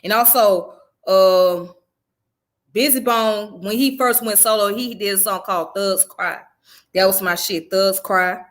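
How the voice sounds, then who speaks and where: A woman's voice: medium pitch, steady tone, measured pace. Blunt profane woman vlogger. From US South. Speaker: channel host. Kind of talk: casual commentary vlog.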